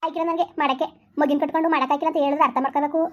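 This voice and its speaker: Brief: woman as a defiant young village housewife, high voice, rapid complaints. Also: steady tone, muffled recording, natural voice. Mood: complaining.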